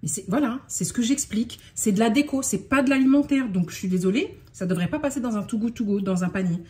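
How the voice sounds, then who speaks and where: A woman's voice: medium pitch, lively intonation, fast, mellow, slight background noise. A woman from France in a casual unboxing vlog, talking in a scattered, self-interrupting way and getting worked up. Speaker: vlogger.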